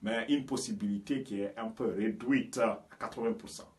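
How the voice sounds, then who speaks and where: A man's voice: lowish voice, steady tone, darkish tone. A man from Guinea, an English teacher, giving a language lesson and often checking "ok?" with his listeners. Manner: explains slowly, often checks with "ok?" and "you understand me?". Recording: echoey room, voice from a distance.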